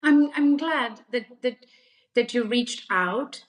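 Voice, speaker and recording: A middle-aged woman from India hosting a podcast, speaking in a measured, earnest way and setting out her points in short phrases. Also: a little high, roomy sound, faint music behind, poor audio. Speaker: podcast host. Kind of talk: reflective podcast talk.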